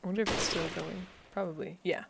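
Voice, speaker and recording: A woman's voice: fairly low pitch, fairly even intonation, fast talker, gravelly, very noisy. A woman giving casual live commentary while playing a game for her stream, giggling often and chatting to her viewers.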